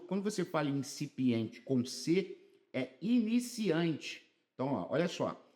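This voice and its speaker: Brazilian man, exam-prep grammar teacher, casual video lesson, lively swooping pitch, colloquial asides. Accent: Brazilian Portuguese. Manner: animated, lively pitch swings, colloquial asides and stretched emphasis.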